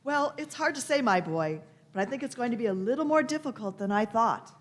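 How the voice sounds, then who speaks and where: A woman's voice: on the high side, expressive, fairly quick, lightly acted. A woman playing an imperious, eccentric elderly time-traveller in a radio play, fussy and theatrical, repeating her phrases. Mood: fussy, musing. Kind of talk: live staged radio play.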